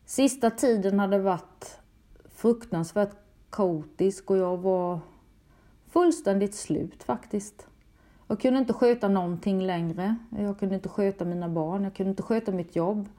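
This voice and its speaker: Middle-aged woman from Sweden, mellow low-bright tone, halting emotional first-person testimony. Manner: halting, emotional retelling with repeated words. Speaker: storyteller recounting a personal experience.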